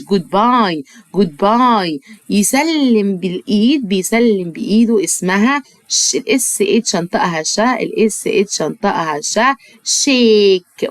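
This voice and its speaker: A woman with an Egyptian Arabic accent teaching English to young children in an online lesson, speaking affectionately and slowing down to drill words for repetition. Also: medium pitch, no room sound. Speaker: primary school English teacher.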